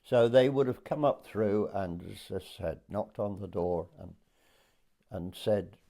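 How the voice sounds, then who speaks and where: In an oral history interview, a Dorset-born man in his eighties reminisces about growing up in England, hesitating and pausing as he tells his stories. He has a warm, lowish voice with some vocal fry.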